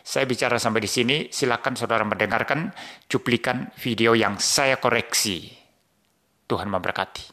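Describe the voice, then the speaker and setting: A male pastor with a mid-range voice addresses his congregation in a calm, measured way. He talks them through a correction of his own words and often closes a phrase with a soft "ya" or "saudara". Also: medium pitch.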